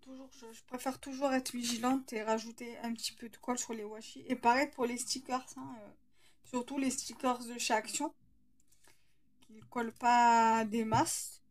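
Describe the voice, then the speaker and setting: A woman's voice: a little high, steady tone, normal speed. A woman with a slight lisp, hesitantly thinking aloud as she narrates a casual craft tutorial.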